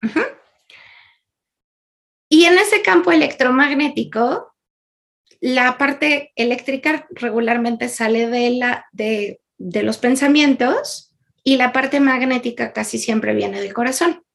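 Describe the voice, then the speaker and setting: A woman's voice: high-pitched, slow pace, vocal fry, fairly bright tone. A woman, a guest in an interview, telling a personal story in an earnest, candid way with frequent laughs and fillers.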